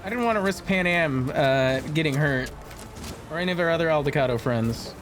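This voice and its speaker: Male streamer, fairly high voice, animated swings in pitch, casual playful gameplay chat, game gunfire noise behind. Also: fairly quick. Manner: playful, chatting to viewers. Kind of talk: casual live gameplay commentary. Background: video game gunfire.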